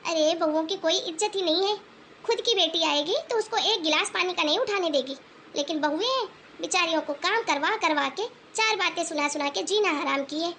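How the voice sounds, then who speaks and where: A woman voicing a stern old grandmother-in-law, very high voice. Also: brisk, bright, forceful tone, slight background noise, exaggerated voice. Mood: grumbling. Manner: scolding, preachy and firm. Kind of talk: animated moral story voice acting.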